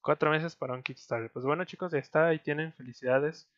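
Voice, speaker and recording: A man's voice: on the high side, fairly even intonation, fast talker, fairly bright tone. Mexican guy hosting a stream, casual and jokey, sounds a bit dull over the call. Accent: Mexican Spanish. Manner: loose, joking, many fillers. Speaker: stream host. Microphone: online call.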